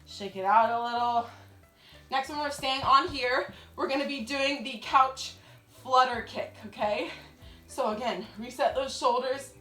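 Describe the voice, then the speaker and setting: A young channel host and aerobics instructor coaches a home workout encouragingly as she exercises, in a high-pitched, bright, forceful but unhurried voice. She films in her living room with a camera set on the floor a few feet away. The sound is reverberant, with soft background music.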